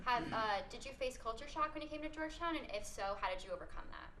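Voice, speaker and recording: A woman's voice: sits high, lively intonation, quick pace, noisy background. A young woman in college opening and moderating a student panel in an eager, friendly way. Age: young adult. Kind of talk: upbeat panel introduction.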